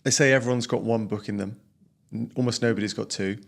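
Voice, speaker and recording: A man's voice: lowish voice, fairly even intonation, quick pace, creaky. A man hosting an interview podcast, asking friendly, rambling questions with frequent restarts. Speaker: podcast host. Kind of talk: casual interview talk.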